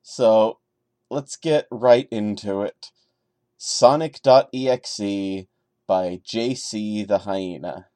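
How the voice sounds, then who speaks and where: A podcast host with a lowish, dark voice reads a horror story dramatically at a slow pace, breaking in with wry, joking, chatty asides. The recording has no echo.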